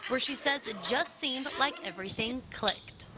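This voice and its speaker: A woman's voice: high voice, normal speed. A woman reporter reading a scripted news feature narration.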